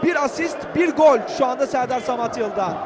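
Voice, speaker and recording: A man giving excitable, declamatory live commentary on a football match. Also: very high-pitched, brisk. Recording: loud stadium crowd noise behind. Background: cheering football stadium crowd.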